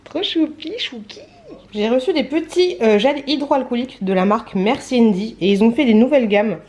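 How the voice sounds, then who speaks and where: A woman's voice: a little high, animated, fairly quick, mellow. A young woman, chatty and playful, vlogging casually at home with lots of fillers and asides to her viewers. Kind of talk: casual vlog chat. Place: at home, indoors and outdoors.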